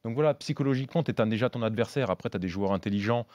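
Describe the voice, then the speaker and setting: A man giving football analysis in a panel discussion as a pundit, with a halting delivery that often repeats words as he builds his point. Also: fairly low pitch, a little mellow, no room sound, lo-fi sound.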